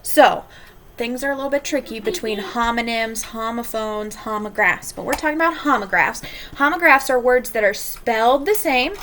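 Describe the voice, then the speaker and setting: A woman teacher giving a recorded lesson, explaining clearly and stretching key words slowly for emphasis. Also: on the high side, fairly bright tone, a little hiss or hum.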